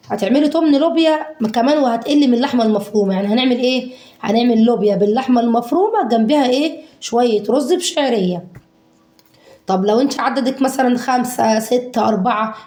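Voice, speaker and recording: A woman with an Egyptian accent, hoarse from a cold, chatting fondly to her viewers about a budget week of home cooking. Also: a little high, echoey room. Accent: Egyptian Arabic. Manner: warm endearments to viewers, acts out their questions.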